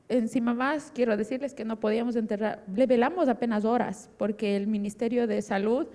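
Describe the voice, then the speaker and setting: Woman telling her church testimony, higher voice but mellow, lots of hall echo. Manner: vivid storytelling, acting out remembered dialogue. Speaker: church member giving testimony. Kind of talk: emotional personal testimony.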